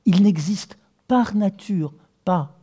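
Slow, husky, dark-voiced man. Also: sits high. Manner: thoughtful, measured explaining. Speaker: translator. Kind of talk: interview.

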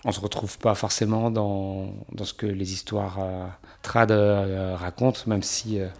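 A man who is a singer, talking reflectively in an interview, pausing often with fillers. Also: lowish voice, flat delivery, vocal fry, a little mellow. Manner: hesitant, many pauses and fillers.

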